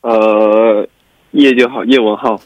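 A man's voice: on the low side, steady tone, takes it slowly, dry recording. A man from Shenzhen with a Cantonese-influenced southern Mandarin accent, chatting on a phone line in brief, hesitant answers. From Shenzhen, China. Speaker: phone-in quiz partner. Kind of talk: casual phone chat. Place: at home, on a phone call. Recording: muffled, band-limited phone line.

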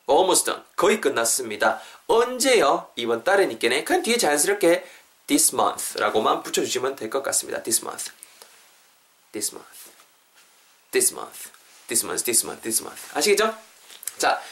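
Guy w/ teaching english on a podcast, voice bounces all over, a bit high, says phrases slow n repeats em. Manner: animated, repeats English phrases slowly for drilling.

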